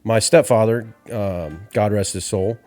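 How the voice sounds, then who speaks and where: Animated man telling stories. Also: fairly low pitch, measured pace, faint music behind. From Atlanta, Georgia. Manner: animated, rambling with restarts. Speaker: podcast guest. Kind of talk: casual storytelling.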